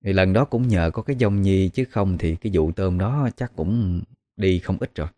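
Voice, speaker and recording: Deep-voiced Southern Vietnamese storyteller. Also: male voice, warm tone, no room sound. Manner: slow, measured, hesitant with fillers. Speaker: ghost story host. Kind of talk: storytelling narration.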